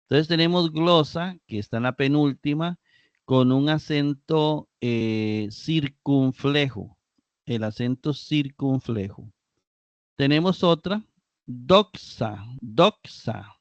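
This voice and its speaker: A man teaching a live online grammar lesson in a slow, deliberate way, sounding words out syllable by syllable. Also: fairly high pitch, smooth, no echo, muffled recording. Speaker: Greek teacher.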